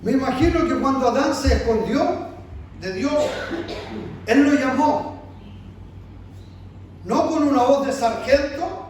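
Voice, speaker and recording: A man's voice: very high-pitched, takes it slowly, pauses often. A man preaching a sermon in a pleading, emphatic way, recorded from a distance in a room. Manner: emphatic, pleading, acts out God calling softly. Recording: echoey church room from far off, faint noise.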